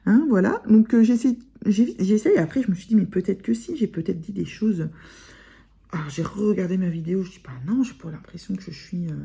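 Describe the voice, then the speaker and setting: Talking to camera about sewing, a woman with a northern French Picard (Ch'ti) accent rambles casually, full of fillers and false starts. Her mid-range voice is warm, husky and creaky, with lively intonation and a fairly quick pace.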